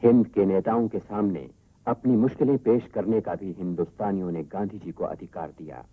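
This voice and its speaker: Deep husky man on old worn tape. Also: dry recording, phone-quality sound. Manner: measured, formal delivery. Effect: old worn tape recording. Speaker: documentary narrator. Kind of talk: scripted documentary narration.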